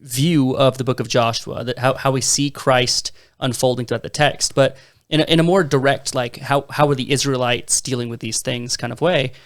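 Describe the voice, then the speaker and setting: Young man, mid-pitched, eager podcast storyteller, casual Bible chat, some ums. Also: steady tone, normal speed. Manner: enthusiastic, storytelling, fillers. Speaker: podcast co-host.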